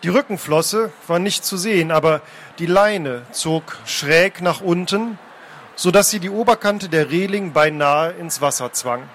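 A man reading fantasy adventure prose aloud, taking turns with a second reader and shouting out the characters' cries. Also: high voice, unhurried, slight background noise. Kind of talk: dramatic book reading, alternating narration.

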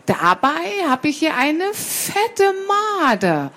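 A woman's voice: high voice, wildly swooping pitch, drawn-out words, a bit bright, pitched above the performer's own voice, full character voice. A woman reading a children's story aloud and voicing a sly, lying female cat who coaxes and meows. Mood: coaxing. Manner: coaxing, purring with meows. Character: sly sweet-talking female cat, a liar.

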